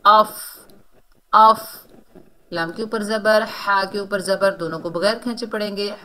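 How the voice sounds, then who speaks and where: A woman teaching Quran recitation rules, explaining each sound and then reciting words slowly. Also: medium pitch, fairly even intonation. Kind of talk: tajweed lesson, explaining and reciting.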